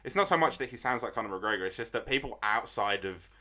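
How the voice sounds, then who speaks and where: Bright-voiced young Irish man, teasing. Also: mid-range voice, lively intonation, quick pace. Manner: teasing, profane banter. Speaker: podcast host. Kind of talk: casual podcast chat.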